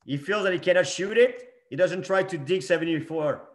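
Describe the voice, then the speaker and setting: A man's voice: high voice, brisk. Man coaching in short emphatic bursts. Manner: short emphatic phrases, repeats key points. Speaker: hockey coach. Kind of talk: coaching talk over game video clips.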